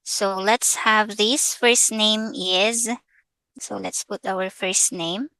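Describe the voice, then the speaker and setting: A Filipina vlogger whose first language is Tagalog speaks accented English while casually and hesitantly guiding viewers through a sign-up in a screen-share tutorial, often using fillers and switching into Tagalog at times. Her mid-range voice is slow, fairly even, pushed and bright, with a clear, resonant tone. The recording has no room sound but poor audio quality.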